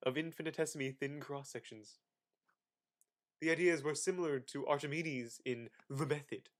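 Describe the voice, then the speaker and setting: A man performs a scripted reading in a mock-dramatic, theatrical style, his voice sitting high. He pauses haltingly and swings between hushed and loud delivery.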